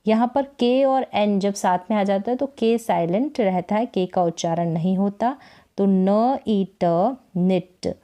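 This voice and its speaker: A woman with a Hindi accent teaching English reading as a phonics lesson, sounding out each letter slowly and repeating the words. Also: mid-range voice, dark tone.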